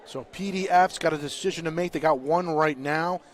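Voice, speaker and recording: Excited male bocce commentator. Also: a little high, brisk. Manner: calm explaining, then loud excited bursts on big shots. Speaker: play-by-play commentator. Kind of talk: live sports commentary. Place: indoor bocce court.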